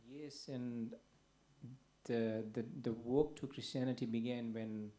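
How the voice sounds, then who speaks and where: A soft-spoken young man from Fiji tells his story hesitantly, pausing often and restarting his sentences. His voice is flat and even, with a dark, mellow tone. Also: mid-range voice. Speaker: guest. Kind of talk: personal testimony.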